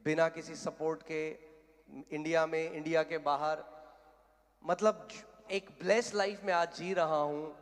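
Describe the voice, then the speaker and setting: Fervent Indian pastor preaching in a hall. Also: male voice, fairly high pitch, level tone, unhurried. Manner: blunt and direct, rising to fervent shouting. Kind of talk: sermon. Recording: long hall reverb.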